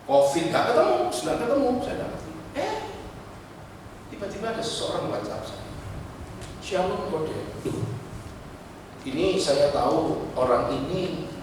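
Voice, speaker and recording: Lively preacher in echoey hall. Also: male voice, mid-range voice, noisy background. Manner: animated storytelling, switching between pleading and urgent exhortation. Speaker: pastor. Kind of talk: sermon. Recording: echoey church hall from far off.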